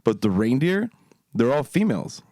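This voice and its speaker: A man co-hosting a casual podcast, telling stories with lots of swearing and laughter. His pitch sits at an ordinary middle height. The sound is dry and close, with no room around it. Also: big pitch swings, normal speed, warm tone, no echo. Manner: profane, laughing storyteller. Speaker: podcast co-host.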